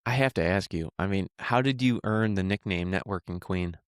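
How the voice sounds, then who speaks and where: A man's voice: low-pitched, moderate pace, no room sound, studio quality. A man hosting a podcast, friendly as he asks scripted interview questions. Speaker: podcast host.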